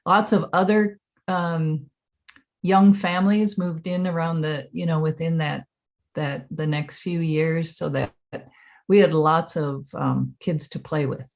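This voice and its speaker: An American woman in her seventies reminiscing in an oral history interview, halting and reflective as she recalls. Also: low-pitched, steady tone, creaky, a little mellow. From Minnesota, United States. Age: 70s.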